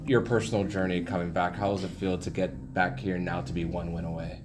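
A man's voice: sits low, flat delivery, fairly quick, background noise. A man, a reporter, putting direct questions to a player after a game. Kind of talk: asking press questions.

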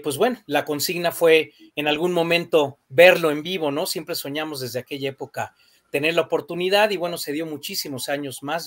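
A man's voice: a little high, fairly bright tone. A man, hosting a casual talk and reflecting thoughtfully, with fillers like "este" and "pues". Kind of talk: casual conversation.

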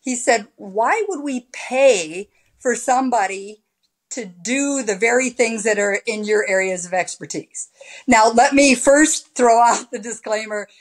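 Animated woman in her sixties, video call. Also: fairly high pitch, unhurried. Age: 60s. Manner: animated storyteller with big hand gestures. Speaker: podcast guest. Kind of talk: casual interview chat. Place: home room with high ceiling. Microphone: laptop webcam on a video call.

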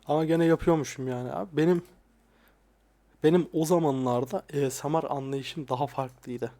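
A young man talking casually and softly, often swearing, as he looks back at his old videos. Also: fairly even intonation, moderate pace. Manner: crude, frequent swearing; soft-spoken, dropping voice low at times. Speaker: ASMR YouTuber. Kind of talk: casual soft-spoken vlog. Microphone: lapel mic.

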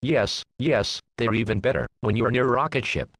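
A man narrating a crude comic story in a deadpan, rambling way, swearing casually. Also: mid-range voice, brisk, no echo. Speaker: comedy narrator. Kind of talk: crude comedic fan storytelling.

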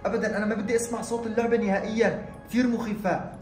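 A man narrating a horror prank vlog at home, excitable and acting scared as he talks to his viewers. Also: sits high, racing, reverberant, over music. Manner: excitable, feigning fear, addresses viewers. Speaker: vlogger. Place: room at home.

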